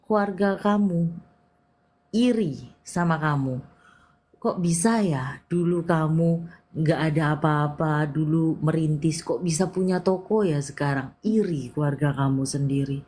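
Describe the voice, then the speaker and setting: A woman's voice: low voice, unhurried, long pauses, mellow, breathy edge. A woman palm reader giving a live-stream reading, talking intimately and emphatically, calling the listener "dear". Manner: intimate, calls the listener "sayang"; direct, emphatic counseling.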